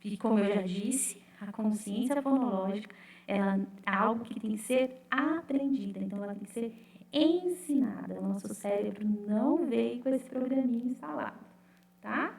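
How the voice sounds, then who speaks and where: A woman's voice: a little high, vocal fry, darkish tone. Woman, chatty teacher's explanation, roomy echo, a bit far from the mic. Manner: chatty, repeats "né?" and "gente", sounds out syllables slowly. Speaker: literacy teacher trainer. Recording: echoey room, away from the mic.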